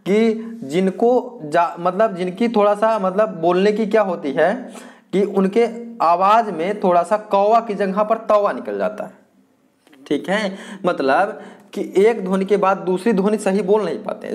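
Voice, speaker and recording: A man's voice: sits high, a little slow. A male teacher giving an exam-prep lecture. He repeats his points, asks the class questions and answers them himself, and often hesitates and restarts.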